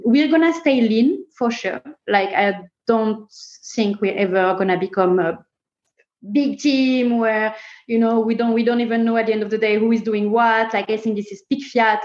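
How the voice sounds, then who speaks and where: A woman's voice: mid-range voice, darkish tone. A woman startup co-founder in a casual interview, talking emphatically in startup buzzwords, with non-native English phrasing. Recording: muffled, echoey room sound.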